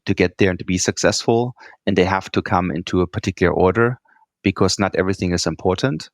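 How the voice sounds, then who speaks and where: A German guest executive with a German accent answers interview questions earnestly, repeating words and often checking in with "right?". His voice is low and the recording is dry.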